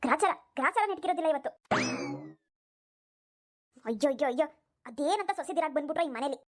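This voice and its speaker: A woman's voice: high voice, expressive, quick pace. A woman voicing a bossy old mother-in-law who nags and complains in a cartoon. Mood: grumbling. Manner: nagging, complaining loudly. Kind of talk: cartoon voice acting.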